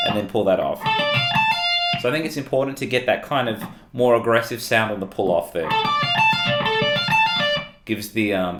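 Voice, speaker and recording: An Australian man teaching a guitar solo in a relaxed, explanatory way, counting notes aloud. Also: mid-range voice. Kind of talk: guitar lesson walkthrough. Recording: roomy sound with loud guitar music.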